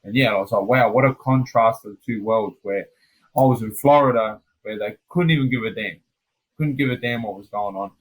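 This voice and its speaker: An Australian man, a fighter guest on a podcast, telling stories in a loose, animated way and often dropping "man" and "mate". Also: on the low side, brisk, poor audio. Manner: animated storyteller, peppers speech with "man" and "mate". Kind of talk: casual storytelling chat.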